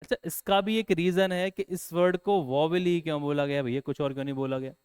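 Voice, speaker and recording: A man's voice: a little high, fairly even intonation, a little fast, a little mellow, smooth. A man teaching English in a classroom lecture, asking the students questions and then answering them himself.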